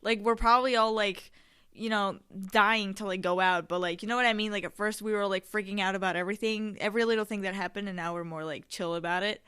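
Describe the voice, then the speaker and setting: A woman's voice: medium pitch, fairly even intonation, fast, fairly bright tone, smooth. A young adult woman hosting a casual solo podcast in a candid, slangy, emphatic and rambling way, often swearing. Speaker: podcast host.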